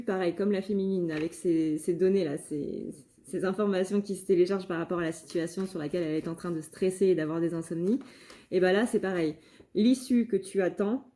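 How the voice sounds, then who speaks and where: A woman with a somewhat low, mellow voice gives a casual channeled card reading. She talks in a halting way, often pausing on fillers and starting phrases over. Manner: hesitant, many fillers and restarts. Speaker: tarot reader and medium.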